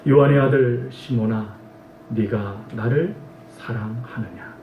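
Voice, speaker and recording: A man voicing a gentle, reassuring Jesus, speaking slowly and softly in an echoey room. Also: sits high, lively intonation, lo-fi sound, a little hiss or hum.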